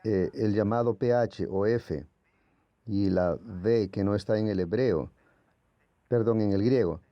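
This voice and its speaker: Slow, low-voiced man teaching a lesson. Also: no echo, highs cut off. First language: Portuguese. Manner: patient, explanatory, demonstrates sounds aloud. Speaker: Greek language teacher. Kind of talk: classroom lecture.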